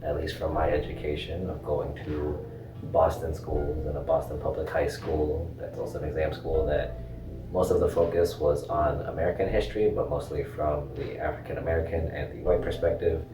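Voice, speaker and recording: A young man speaks matter-of-factly in a very deep voice with little rise and fall. He is heard from a distance in a roomy space, with clear guitar music behind. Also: little pitch movement, normal speed. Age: young adult. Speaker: student interviewee. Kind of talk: casual interview answer.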